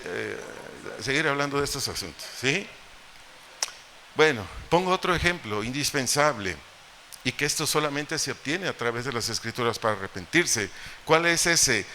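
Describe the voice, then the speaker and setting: A man's voice: mid-range voice, bright, forceful tone. A man with a Mexican accent preaching a sermon as pastor, explaining scripture with rhetorical questions and humorous asides. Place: church hall. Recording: echoey church hall, faint noise.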